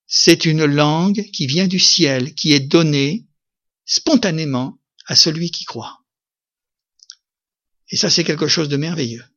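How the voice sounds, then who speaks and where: In a muffled recording, a man preaches a sermon in a fairly high voice, keeping a measured pace and pausing often. He builds emphatically to loud, ringing highs, then eases into softer stretches.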